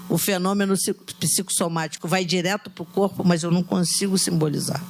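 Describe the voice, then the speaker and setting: Woman, Brazilian accent, congress lecture, gravelly creaky voice, faint background noise. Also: on the low side, fairly even intonation, fairly quick. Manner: explanatory, restarts often, tag questions. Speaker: psychoanalyst lecturer. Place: conference hall.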